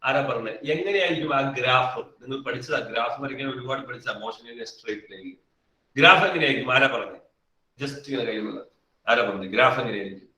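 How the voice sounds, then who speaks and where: A man with a bright, forceful, medium-pitched voice teaches a physics class live online. He calls on students by name, coaxes answers from them, and repeats key phrases again and again. The room is echoey and the mic sits far away.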